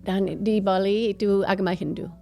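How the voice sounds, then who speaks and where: A woman's voice: mid-range voice, fairly even intonation, normal speed, creaky, darkish tone, a little hiss or hum. American woman, foreigner speaking Indonesian. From United States. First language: English. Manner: foreigner speaking Indonesian, mixing in English phrases. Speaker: interview guest, gallery owner and painter. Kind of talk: casual personal storytelling.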